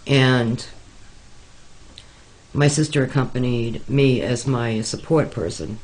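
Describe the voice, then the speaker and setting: Slow, halting man telling his story. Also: medium pitch, low-quality recording. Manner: hesitant, many pauses and fillers. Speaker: interviewee recounting experiences. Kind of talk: slow, halting personal account.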